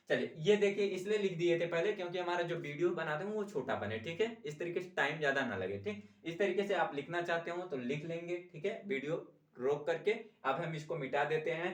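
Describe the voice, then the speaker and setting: A man's voice: a little high, fairly bright tone. A man teaching a basic language lesson in a questioning classroom style, who keeps checking in with the learners and repeats answers back to them. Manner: repeats "ठीक है" after each point and asks the class questions. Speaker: English teacher. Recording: echoey room.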